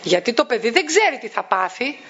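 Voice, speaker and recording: A woman giving advice to parents. She talks in a lively way and acts out the voices of parents and children. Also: fairly high pitch, a little hiss or hum. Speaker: parenting educator. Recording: dull, muffled sound.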